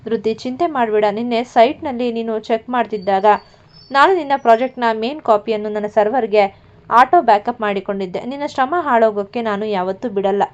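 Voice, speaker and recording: A woman's voice: fairly high pitch, a little fast, close to an everyday voice. A woman voicing a stern, commanding young male company boss in a storybook reading, in a muffled lo-fi recording. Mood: reassuring. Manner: commanding, firm.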